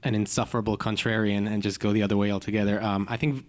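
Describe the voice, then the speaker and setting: A man's voice: on the low side, flat delivery, rapid-fire. A man, an animator on a panel, answering questions in a playful, self-mocking way. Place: auditorium stage with a live audience.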